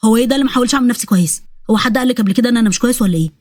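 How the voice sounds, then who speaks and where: A woman doing cocky egyptian teen boy, rapid defensive back-talk, dry close sound. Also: a little high, darkish tone, no echo, lightly acted. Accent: Egyptian Arabic.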